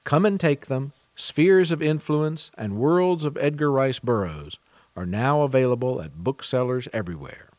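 A contributing editor hosts a book podcast, reading scripted introductions and news before interviewing a guest. His mid-range voice is a little mellow, with lively intonation and a moderate pace.

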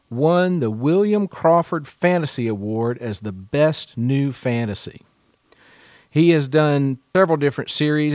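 In clean studio sound without any room noise, a contributing editor's medium-pitched, darkish voice carries a book podcast. He reads a scripted introduction and news items before interviewing a guest.

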